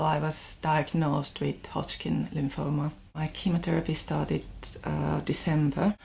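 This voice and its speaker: A woman with a Finnish accent recounts her time as a patient in an interview. Her voice sits very low and is heavily gravelly with fry. She speaks haltingly, with lots of ums and short phrases. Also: mellow. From Finland. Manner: hesitant, many fillers and short broken phrases. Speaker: patient sharing her experience. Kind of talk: interview testimony.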